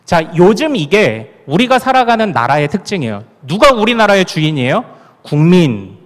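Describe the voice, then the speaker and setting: A man's voice: high-pitched, very animated, moderate pace. A male pastor with a Gyeongsang accent preaching at a family prayer meeting, playful and acting out dialect lines. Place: church sanctuary. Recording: long hall reverb.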